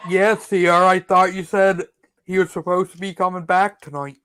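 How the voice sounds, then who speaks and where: Man panelist with a high voice, casual chat, quick to question and correct. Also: flat delivery, fairly bright tone, clear, resonant tone. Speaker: wrestling watch-along panelist.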